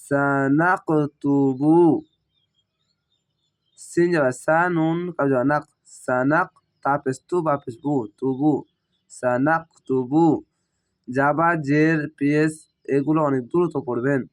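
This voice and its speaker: This is a man giving a patient recitation lesson, with a voice that sits a little higher than most men's. He breaks each word into its syllables, then chants the whole word slowly and stretched out. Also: fairly even intonation. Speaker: Quran reading teacher.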